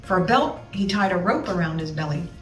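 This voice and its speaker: A woman reads a children's story aloud with expression and chatty asides. Her pitch is average. The recording is quite roomy and a bit distant, with music behind her. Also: animated, fairly quick. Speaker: storybook reader.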